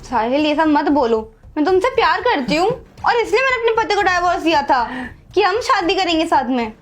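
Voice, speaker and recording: Very animated and fairly quick, a young actress in a dramatic short film plays Rubika, an unfaithful wife who left her husband. She pleads with her boyfriend in a selfish, dismissive manner, dropping in English phrases. Her voice is very high, and soft music plays in the background.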